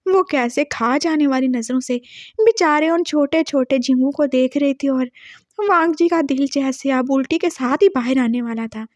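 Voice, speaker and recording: A woman retells a drama story in a chatty, playful way with a high voice. The sound is dry and close to the mic, with no room around it. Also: moderate pace, no room sound. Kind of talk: casual drama story narration.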